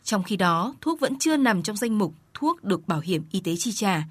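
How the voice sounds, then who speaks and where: A woman reporter reading scripted news narration in a steady, formal way. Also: medium pitch, moderate pace, breathy edge, no echo.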